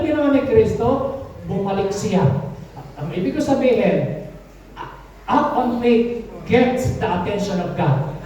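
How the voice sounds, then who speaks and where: A woman's voice: on the high side, warm tone, slight background noise. A woman pastor preaching a sermon in a church, often calling out to the congregation for an "Amen". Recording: echoey room, mic far off.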